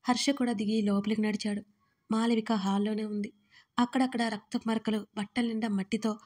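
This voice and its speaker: Woman narrating a dramatic story. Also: on the high side. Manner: expressive, measured reading.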